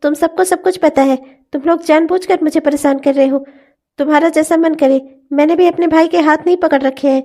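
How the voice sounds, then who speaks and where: A woman's voice: high voice, fairly even intonation, a little fast, mellow, lightly acted. A woman voicing a stubborn, resentful young wife in a cartoon family drama, speaking in curt refusals. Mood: cold.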